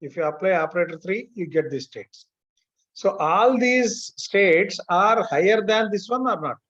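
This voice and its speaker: A man's voice: sits high, animated, moderate pace, a bit bright. A man with a Telugu Indian accent teaching an online class step by step, mixing Telugu and English and often checking that students follow. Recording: dull, lo-fi online class audio.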